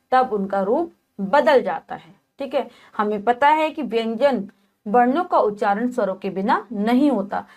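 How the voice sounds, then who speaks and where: A woman teaching a children's lesson, slowly spelling out letters one by one and checking in often with "okay". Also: fairly high pitch. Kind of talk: textbook lesson explaining Sanskrit vowel signs to children.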